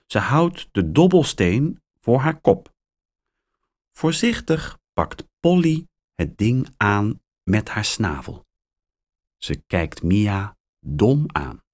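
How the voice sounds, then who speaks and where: A man reading a children's story aloud, slow and expressive. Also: on the low side.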